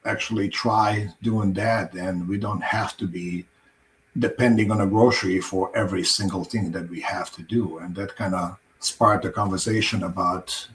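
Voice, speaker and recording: A man's voice: deep voice, fairly even intonation, normal speed, fairly bright tone, a little hiss or hum, low-quality recording. A middle-aged man with a Croatian accent, a farm owner telling his story earnestly in a podcast interview.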